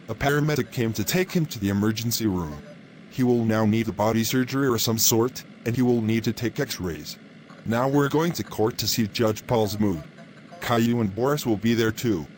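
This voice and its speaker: A man's voice: mid-range voice, slight background noise, lightly acted. A man voicing a stern police officer in a homemade animation, barking orders and scolding.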